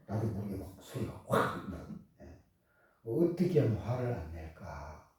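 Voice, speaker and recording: Animated preaching man in an echoey hall. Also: fairly low pitch, normal speed. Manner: animated preaching with frequent laughter and rhetorical questions. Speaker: pastor. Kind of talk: sermon. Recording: echoey hall, far from the mic.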